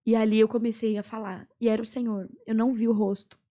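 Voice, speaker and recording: A young woman with a Brazilian Portuguese accent, a podcast guest earnestly telling a personal story with many pauses and fillers. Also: fairly high pitch, level tone, dark tone. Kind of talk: personal testimony in a podcast chat.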